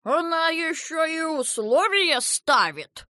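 A woman voicing a quick-tempered old male river king who grumbles and shouts, as an audiobook character. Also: on the high side, animated, dry recording, clean studio sound, voice pushed up, exaggerated voice. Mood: angry. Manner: gruff, grumbling, shouting when angry.

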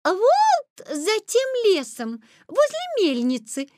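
A woman's voice: huge pitch swings, a little mellow, dry recording, full character voice. A woman doing a sing-song polite little girl. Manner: slow, sing-song, very high. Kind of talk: storybook reading.

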